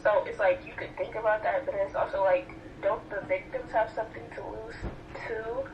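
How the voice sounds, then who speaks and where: A hoarse young woman of about nineteen chatting casually off camera, blunt and animated. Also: mid-range voice, normal speed. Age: late teens. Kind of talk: casual chat. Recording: distant, dull and echoey, with room noise and TV.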